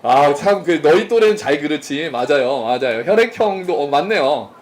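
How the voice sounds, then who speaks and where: A man's voice: a little high, animated, moderate pace. A man pastor giving a conversational sermon at a church service, asking the congregation questions and joking with them. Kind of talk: interactive sermon.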